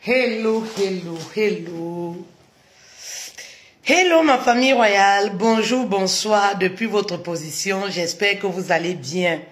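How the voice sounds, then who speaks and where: A woman's voice: medium pitch, unhurried, hardly any pauses. A woman hosting a casual live stream, chatty and repeating her greetings again and again.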